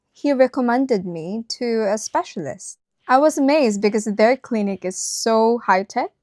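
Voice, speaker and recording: A woman's voice: on the high side, darkish tone, dry recording, clean studio sound. A woman vlogger narrating a personal story directly to her viewers.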